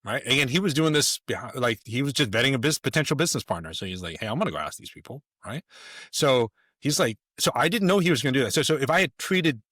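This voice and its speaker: A man's voice: mid-range voice, expressive, fast, fairly bright tone, no room sound, studio quality. A man talking as a podcast guest in casual conversation, emphatic and rambling, with many restarts.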